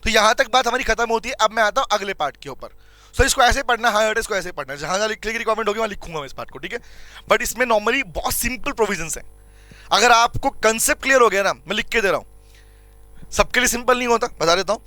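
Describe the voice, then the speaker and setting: Indian male law teacher, middle-aged, very high and bright, dry close sound, repeats and quizzes. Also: fast talker, no room sound. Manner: repeats key points and quizzes students with rhetorical questions; calls students "beta" and "bhaiya" fondly. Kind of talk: classroom lecture.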